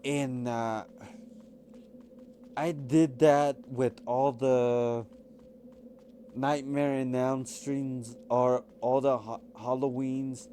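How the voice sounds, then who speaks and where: Slow, rambling man telling gaming stories. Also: mid-range voice, level tone, warm tone, a little hiss or hum. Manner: rambling and anecdotal, many fillers and restarts. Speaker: gaming channel host. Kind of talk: casual storytelling commentary over gameplay.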